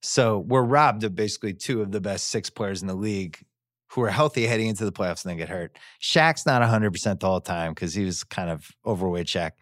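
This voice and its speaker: A man hosting a podcast, telling sports stories in a casual, animated way with wry asides. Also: lowish voice, brisk, dry recording, studio quality. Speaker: podcast host.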